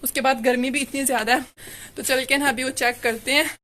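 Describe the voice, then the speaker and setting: A family vlogger, young and from Pakistan, narrates a home vlog outdoors in a sunny courtyard using a handheld phone. She rambles chattily, relying on "you know," in a high-pitched, fairly bright voice that moves briskly with fairly even intonation.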